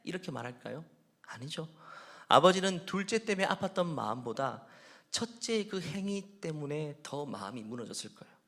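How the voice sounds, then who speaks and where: A man's voice: a little high, very animated, moderate pace, a bit bright. Korean male pastor preaching a sermon. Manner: questions the congregation and acts out quoted prayers. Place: church sanctuary.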